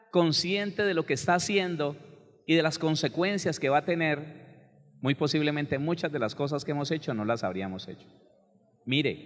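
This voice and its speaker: Pastor preaching in a hall. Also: male voice, on the high side. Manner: conversational, animated, acts out quoted people. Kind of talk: sermon.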